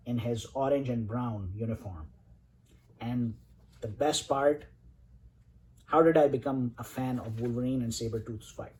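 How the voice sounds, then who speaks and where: A man's voice: medium pitch, dark tone, a little hiss or hum, low-quality recording. A man in his forties from Saudi Arabia, showing his comic collection in an enthusiastic, rambling way with many fillers. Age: 40s. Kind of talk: casual collection showcase.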